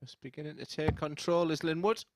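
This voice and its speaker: A man's voice: a little high, brisk, heavy background noise. A man giving casual live darts commentary, bantering in a jokey, self-deprecating way.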